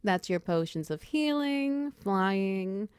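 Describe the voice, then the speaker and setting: Speaking slowly and expressively in a mid-range voice, a woman plays a potion-shop owner: a confident, flirtatious female minotaur wizard talking straight to the listener in teasing roleplay ASMR. The tone is friendly but businesslike, coy and occasionally soft and breathy. The recording is dry, with clean studio sound.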